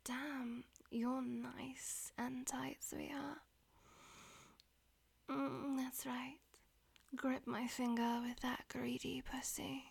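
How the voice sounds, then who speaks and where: A woman voicing a husky whispering demon temptress. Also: high-pitched, a little mellow, exaggerated voice. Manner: mostly whispered, teasing and domineering. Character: dominant teasing female demon lover. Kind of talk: audio roleplay.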